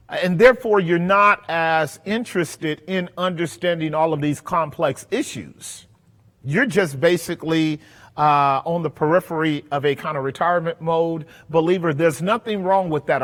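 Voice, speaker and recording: A man's voice: a little high, fairly bright tone, long reverb tail. A male pastor teaching a Bible study, emphatic and given to repeating phrases for weight. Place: church hall.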